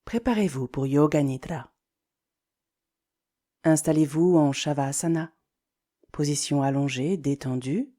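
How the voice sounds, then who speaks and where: A deep-voiced woman offers guided yoga nidra, her slow, tranquil instructions separated by deliberate pauses.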